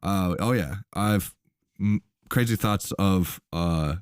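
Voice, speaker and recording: Deep-voiced young host, laid-back. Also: male voice, takes it slowly, darkish tone, clear, resonant tone, dry recording, studio quality. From Minnesota, USA. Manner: laid-back, many fillers and likes. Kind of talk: casual podcast chat.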